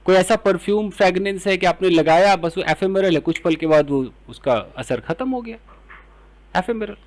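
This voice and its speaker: A man with an Indian English accent teaching English words, explaining in Hindi and reading example sentences slowly. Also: high-pitched, expressive. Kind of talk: vocabulary lesson.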